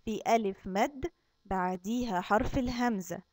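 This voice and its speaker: This kindergarten Quran teacher, speaking with an Egyptian Arabic accent, has a medium-pitched voice with a darkish tone and no echo. Teaching young children in a recorded online lesson, she stretches her recitation out slowly and explains quickly between verses.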